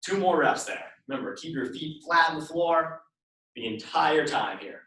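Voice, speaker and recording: A man's voice: a little high, animated, moderate pace, pushed and bright. A man leading a workout class as instructor, giving step-by-step cues in short repeated instructions. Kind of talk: live workout instruction and counting down reps. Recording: echoey room, voice far from mic.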